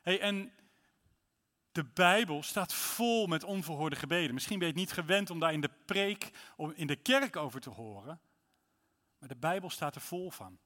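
A man's voice: a little high, expressive, moderate pace, sharp tone, long reverb tail. A man preaching a sermon in church, reading psalms aloud with rising intensity. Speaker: pastor.

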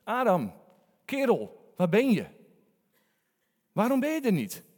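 A man's voice: a little high, big pitch swings, takes it slowly, exaggerated voice. A preacher voicing God as a male deity calling out with longing, heard with a long hall reverb. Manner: loud, yearning calls.

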